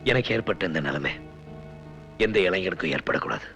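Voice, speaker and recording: A man's voice: low voice, expressive, brisk, vocal fry, heavily acted. An actor playing a young man who is wrongly blamed and pleads earnestly, in a film. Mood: sorrowful. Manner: pleading, emotional. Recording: film soundtrack with loud music.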